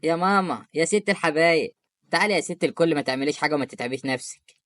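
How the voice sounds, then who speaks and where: Woman voicing affectionate Egyptian husband, cartoon, very deep voice, very fast talk, dry mic. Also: no echo. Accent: Egyptian Arabic. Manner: warm-hearted, rapid. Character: patient young husband, affectionate and steady. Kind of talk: animated story voice acting.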